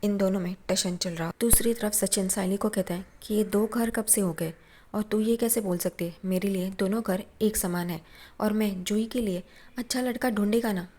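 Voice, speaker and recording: A woman's voice: mid-range voice, steady tone, moderate pace, warm tone. A woman recapping a TV serial episode, reading out every character's lines in her own plain voice. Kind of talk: recap narration with quoted dialogue.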